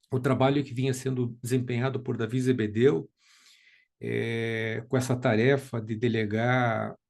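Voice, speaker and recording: A Brazilian man gives an informal lesson in a gravelly voice at a middling pitch. He hesitates often, filling gaps and restarting phrases as he explains. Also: a little mellow. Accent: Brazilian Portuguese. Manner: hesitant, many fillers and restarts. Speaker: study group teacher.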